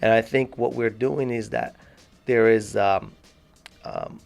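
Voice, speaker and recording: Man from Morocco, podcast co-host, low gravelly voice, halting speech, faint music under. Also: very animated. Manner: thoughtful, halting with restarts. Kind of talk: casual discussion.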